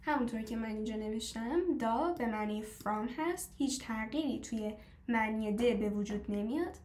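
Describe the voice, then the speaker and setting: Female teacher, slightly high voice, patient stepwise explainer who quizzes her class; echoey room. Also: expressive, a little mellow. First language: Persian. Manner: explains step by step, asks the class questions; slows down to model foreign phrases. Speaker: language teacher. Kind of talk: live online class.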